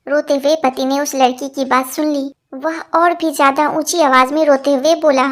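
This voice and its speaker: High-voiced woman reading jokes. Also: fairly even intonation, moderate pace. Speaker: joke narrator.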